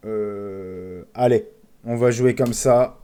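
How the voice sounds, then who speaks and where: A man streaming casino games, commentating live, excitable, pleading with the game and calling out sums. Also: fairly low pitch, takes it slowly, clean tone.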